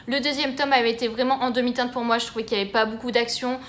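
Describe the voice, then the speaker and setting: A woman's voice: a little high, steady tone, rapid-fire, a bit bright. A woman chatting casually to camera as a book vlogger, talking through her latest book haul in a chatty, enthusiastic way. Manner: chatty and enthusiastic, with frequent fillers.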